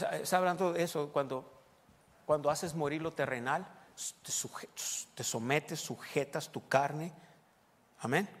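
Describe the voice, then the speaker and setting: Man preaching in an echoing church. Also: medium pitch. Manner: teaching, repeatedly pointing listeners to the text. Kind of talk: sermon. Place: church sanctuary. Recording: long reverb of a church hall.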